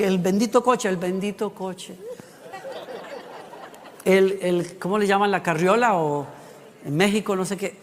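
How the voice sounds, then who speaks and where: A man preaching a sermon, telling stories with lively acted asides. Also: sits high. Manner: animated storytelling with acted asides. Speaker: pastor. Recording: long hall reverb.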